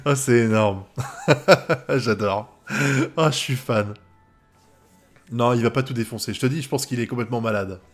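A man's voice: mid-range voice, normal speed, pauses often, soft background music. A man from France giving live reaction commentary on an anime episode, swearing often and breaking into laughter.

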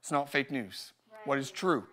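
A male pastor preaching a live church sermon, energetic and joking, repeating his key phrases for emphasis. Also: medium pitch, normal speed. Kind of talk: live sermon with personal stories. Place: church service.

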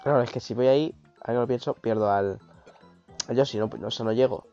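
A man, hoarse from a cold, giving excitable live gameplay commentary, swearing and yelping at mishaps. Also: medium pitch, fast talker. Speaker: streamer. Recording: dull lo-fi stream audio with game music.

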